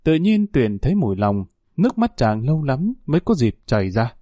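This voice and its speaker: A man reading a story aloud in steady, scripted narration. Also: medium pitch, brisk, no echo. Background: faint music.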